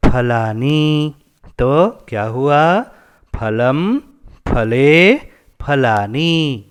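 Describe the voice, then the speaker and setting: A man's voice: on the high side, clear, resonant tone. A man teaching a Sanskrit lesson to children, patiently asking questions and answering them himself.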